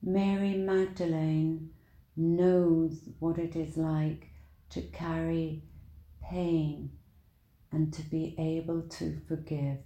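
A woman leading a guided meditation in a soothing, deliberate manner, with long pauses between short phrases. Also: low-pitched, little pitch movement, mellow, roomy sound, poor audio.

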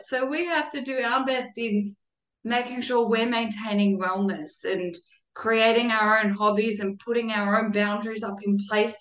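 A woman's voice: mid-range voice, roomy sound, rough recording. A woman guest speaking earnestly and reflectively about care and community in a conversational interview. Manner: earnest and reflective, with occasional laughs.

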